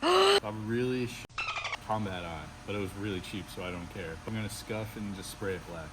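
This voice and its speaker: A man's voice: deep voice, fairly even intonation, quick pace, far from the mic, heavy background noise. Laid-back man chatting in a garage. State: out of breath. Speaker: car hobbyist. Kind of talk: casual chat while working on a car.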